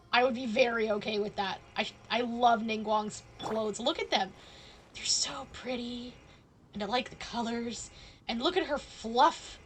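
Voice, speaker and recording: A woman game streamer chats casually and playfully on a live stream while she plays, throwing teasing asides at the game. Her voice is fairly high and a bit bright.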